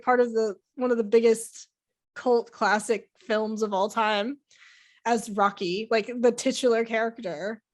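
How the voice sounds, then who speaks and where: A young woman co-hosting a film podcast in casual chat, rambling with many fillers and restarts. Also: on the high side. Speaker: podcast co-host.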